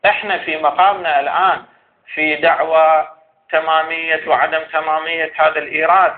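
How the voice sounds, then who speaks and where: A man with an Iraqi Arabic accent giving a seminary lecture, arguing point by point and posing questions to the scholar he rebuts. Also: a little high. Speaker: teacher of Islamic jurisprudence. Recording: tinny phone-like sound.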